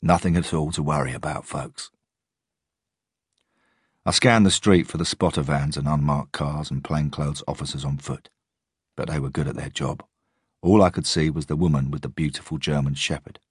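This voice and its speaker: A man narrating a first-person audiobook in a measured, steady way. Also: extremely low pitch, husky, dry recording, clean studio sound.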